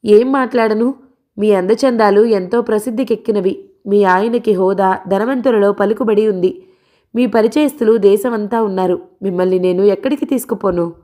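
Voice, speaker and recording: Lady reading as a timid young guy, kinda higher, hesitant and giving up. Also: moderate pace, warm tone, natural voice. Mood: resigned. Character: hesitant young man, timid, sorrowful lover.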